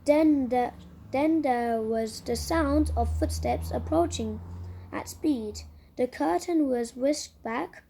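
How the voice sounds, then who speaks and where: A woman reads a children's storybook aloud at an unhurried pace. Her voice is fairly high, and she often pauses to talk to the child about the pictures. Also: slight background noise. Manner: stops for gentle asides to the listener. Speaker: reader.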